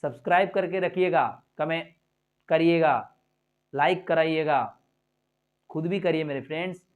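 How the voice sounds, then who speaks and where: A male English teacher slowly drilling letter sounds and repeating each one patiently, addressing viewers as friends. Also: fairly high pitch, narrow, tinny audio. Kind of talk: slow phonics drill lesson.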